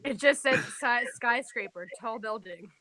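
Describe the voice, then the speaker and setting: Young woman, video-call guest, bright tone, blunt and playful. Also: a little high, unhurried. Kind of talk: casual group video chat.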